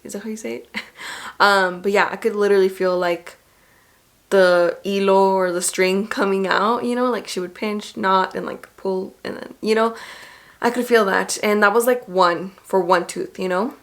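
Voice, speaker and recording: A young adult woman vlogger speaking in a casual, chatty storytelling way, informal and animated as she retells things to camera. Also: medium pitch, moderate pace.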